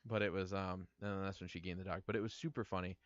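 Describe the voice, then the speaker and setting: A very deep-voiced man co-hosting a casual podcast, rambling through a movie retelling with fillers and restarts. The recording is dull and lo-fi, with a dry, close sound on a near mic. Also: steady tone, fast talker, dry recording. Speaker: podcast co-host.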